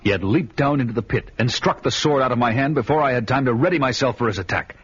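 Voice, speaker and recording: An actor with a medium-pitched, husky voice speaks fast, with no room sound, voicing a grim, battle-hardened barbarian hero who tells his own story in the first person. This radio drama narration is muffled beneath loud music.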